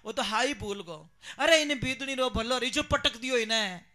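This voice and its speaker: A preacher voicing a devoted old village woman who fusses over a small idol like a child, in a soft, doting, pleading voice. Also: very high-pitched, normal speed. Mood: frantic.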